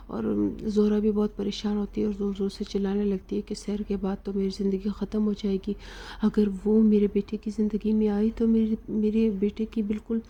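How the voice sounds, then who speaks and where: A woman narrating an episode recap of a drama, retelling the plot with fillers and pauses. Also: mid-range voice, vocal fry, warm tone, slightly rough, highs cut off.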